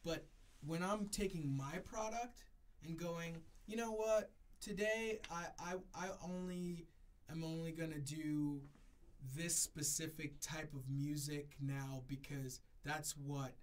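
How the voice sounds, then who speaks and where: A Jamaican-born DJ who came to America as a child speaks slowly in a fairly high voice. As an interview guest, he reflects casually and repeats himself to drive his points home.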